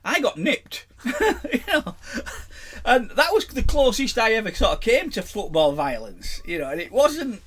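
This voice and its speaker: Pitched high and swinging widely up and down, his bright-ish voice unhurried, a Yorkshire man from England co-hosts a podcast. He's a chatty storyteller sharing pub anecdotes and laughing a lot.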